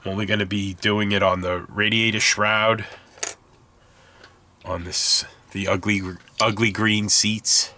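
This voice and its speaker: Fairly low, bright, and forceful, this man's voice has a flat delivery and an unhurried pace. He's congested and stuffed up while chatting casually about his scale model build in a hobby tutorial, rambling and correcting himself along the way.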